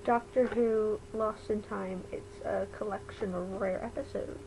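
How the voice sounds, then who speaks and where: A woman's voice: medium pitch, steady tone, measured pace, creaky, background noise. A young adult woman chatting casually to camera in her bedroom, rambling informally, her speech slightly impeded by a retainer. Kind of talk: casual vlog chat to camera. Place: bedroom at home.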